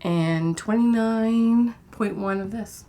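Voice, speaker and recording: A woman's voice: fairly high pitch, slow, mellow. A woman in her forties co-hosting a podcast, chatting casually and playfully with frequent giggles. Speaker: podcast co-host. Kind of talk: casual chat.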